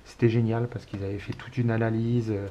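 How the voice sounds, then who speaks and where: A man's voice: fairly low pitch, flat delivery, a little fast, dark tone. A man in his forties from France, hosting a casual solo chat show, rambling with many hesitations in a fond, nostalgic way. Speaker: show host. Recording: dull home recording with faint hiss.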